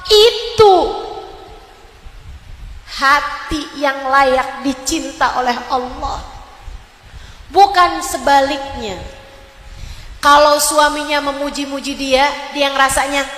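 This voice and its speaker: A woman preaching a sermon to other women, earnest, slipping into soft prayers and sung refrains. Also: high-pitched, takes it slowly, long pauses. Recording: echoey hall with long reverb.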